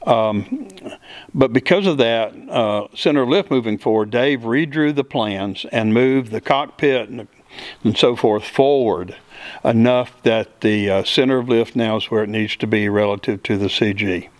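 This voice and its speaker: With a mid-range voice and a measured pace, a middle-aged man who builds and pilots aircraft works through interview questions step by step, filling his speech with fillers. The interviewer captures him on a handheld mic in an open hangar, and the sound is dry.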